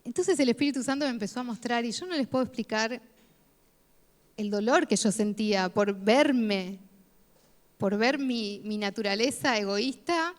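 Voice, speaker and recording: A woman with a Rioplatense Spanish accent preaching a sermon, sharing a personal testimony earnestly and often asking "¿no?". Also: on the high side. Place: church hall. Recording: long hall reverb.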